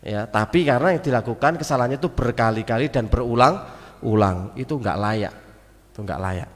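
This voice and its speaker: A male preacher with a Javanese accent gives a relaxed study talk in a mosque, his fairly high voice rising and falling with lively range. He slips in Arabic terms and plays out small dialogues. A long reverb from the mosque hall trails each phrase. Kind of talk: casual sermon.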